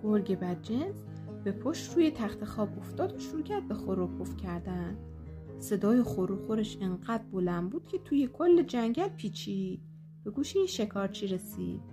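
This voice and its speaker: A woman narrating a children's fairy tale in a lively, expressive storytelling manner. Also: medium pitch. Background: soft guitar music.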